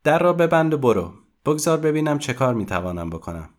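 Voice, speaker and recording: A man reading a storybook aloud and voicing a scheming, sharp-tongued young woman swindler who speaks high, loud and defiant. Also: big pitch swings. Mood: impatient.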